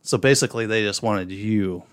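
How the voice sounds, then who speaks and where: A podcast co-host with an Upper Midwest American accent tells stories and reads out listener messages casually, with some profanity. His voice is lowish and smooth at a moderate pace. The recording is dry with clean studio sound.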